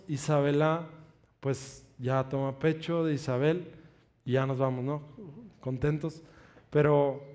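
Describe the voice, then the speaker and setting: A man's voice: a little high, a little mellow. A man preaching a sermon, telling a personal testimony in an earnest way and stretching out emphatic declarations.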